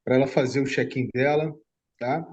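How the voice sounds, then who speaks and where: A man's voice: medium pitch, steady tone, moderate pace, a little mellow, highs cut off. A man hosting a casual online group session, asking short follow-up questions and welcoming a new participant.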